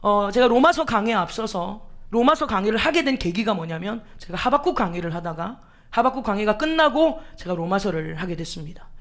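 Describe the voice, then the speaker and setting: A woman's voice: mid-range voice, expressive, a little fast. A woman pastor preaching a sermon, emphatic, asking the congregation rhetorical questions and acting out quoted pleas with drama.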